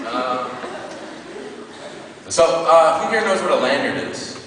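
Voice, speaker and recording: A man's voice: on the high side, expressive, takes it slowly, heavy background noise. A man performing spoken-word poetry on stage, mixing crude joking banter with the audience and dramatic poetic delivery. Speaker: slam poet performer. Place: live venue with an audience. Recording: echoey hall recording from far off.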